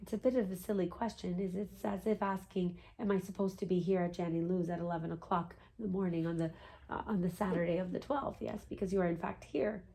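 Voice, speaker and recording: A woman's voice: lowish voice, steady tone, fast, gravelly, warm tone. A woman as a seance medium voicing a patient, knowing spirit guide, with formal stilted phrasing and frequent questioning tags. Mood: gently correcting. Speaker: trance channeler answering a client's questions. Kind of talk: seance medium channeling session.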